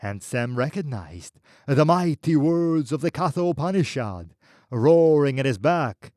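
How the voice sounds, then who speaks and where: Male audiobook narrator: slow, lively pitch, dry close sound. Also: dry recording.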